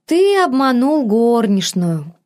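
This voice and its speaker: A woman voicing a sharp-tongued, irritable young heroine. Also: a little high, very animated, slow pace, pitched above the performer's own voice. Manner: snappy, sarcastic.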